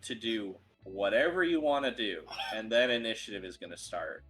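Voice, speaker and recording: Laughing game master with lively pitch. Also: male voice, moderate pace, faint music behind, rough recording. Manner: laughing often, filler-heavy narration. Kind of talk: narrating a tabletop game.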